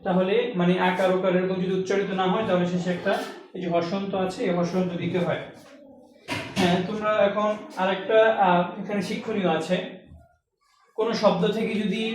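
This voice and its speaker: A man's voice: sits high, a little mellow. A man teaching a language lesson to students, explaining step by step and asking and answering his own questions. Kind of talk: classroom lesson. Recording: echoey room recorded from a distance.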